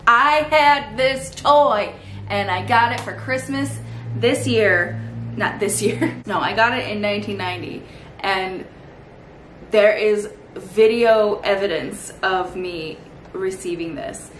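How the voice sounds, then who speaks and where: A woman's voice: medium pitch, takes it slowly, fairly bright tone. A woman in her thirties giving casual, rambling comedic commentary as a host, sardonic and sweary. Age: 30s. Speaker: host reacting to old toy commercials. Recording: roomy echo, faint background noise.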